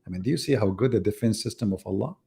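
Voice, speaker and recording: Speaking very fast, a low-voiced, gravelly man with a mellow tone provides sarcastic live commentary as host of a religious debate. He teases, mocks casually and fires off rhetorical questions.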